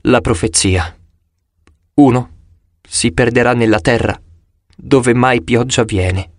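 A man's voice: medium pitch, slow pace, dry recording, studio quality, voice pushed down, natural voice. A man doing a grieving young satyr. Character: young male satyr, grief-stricken and gentle.

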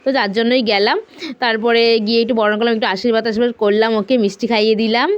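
A woman's voice: on the high side, fairly even intonation, rapid-fire, smooth, highs cut off. A young woman, chatting through a casual vlog voice-over and narrating with many fillers. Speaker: vlogger.

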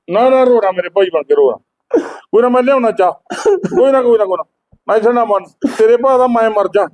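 A man's voice: high-pitched, a little mellow, natural voice. A man from Punjab playing a devoted, hot-tempered younger brother who is protective and tender with his sick brother but scolds his wife harshly.

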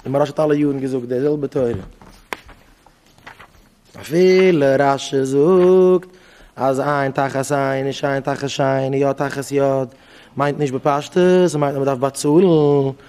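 A rabbi giving an informal lecture to young married men, firing repeated rhetorical questions and repeating phrases for emphasis. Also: male voice, mid-range voice, little pitch movement, moderate pace, darkish tone.

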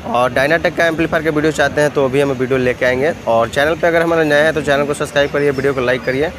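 A man vlogging through an expo hall, listing models and prices in a steady, repetitive way. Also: on the high side, quick pace. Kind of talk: walkthrough vlog listing prices. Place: busy indoor trade expo hall. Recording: noisy expo hall phone recording.

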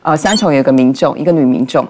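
A woman on a talk show telling a case story in lively detail, acting out the people she quotes. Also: extremely low pitch, quick pace. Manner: animated, acts out quoted dialogue. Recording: studio with background music.

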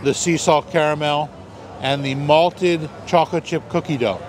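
A man hosting a food vlog, calmly explaining each dish step by step in casual commentary, on a busy street. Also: on the high side, moderate pace. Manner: easygoing, explains dishes step by step. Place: outdoors on a busy city street. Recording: busy crowd noise outdoors. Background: crowd chatter and passing traffic.

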